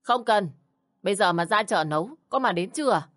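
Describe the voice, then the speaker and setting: A woman's voice: medium pitch, animated, fairly quick, dry recording, clean studio sound, voice pushed up, natural voice. A woman voicing a bossy, contemptuous older mother-in-law who scolds and sneers. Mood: scolding.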